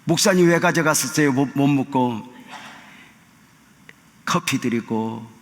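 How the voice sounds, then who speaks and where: An older man, a senior pastor, preaching a sermon with stories, acting out the dialogue and swinging from hushed tones to shouting. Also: mid-range voice, unhurried. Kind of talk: sermon with storytelling. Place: large church sanctuary. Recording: long church hall reverb.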